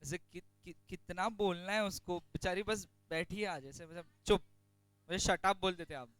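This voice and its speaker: A man teaching a class, chatty and joking, slowing right down to dictate notes. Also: high voice, a bit bright, clear, resonant tone, dry recording, soft background music. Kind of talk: classroom lecture on company law.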